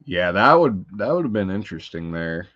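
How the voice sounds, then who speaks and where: A man's voice: low-pitched, big pitch swings, normal speed, a bit bright. Rambling, profane lo-fi livestream man. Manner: rambling and profane, full of fillers. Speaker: livestream host. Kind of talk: casual livestream chat about films.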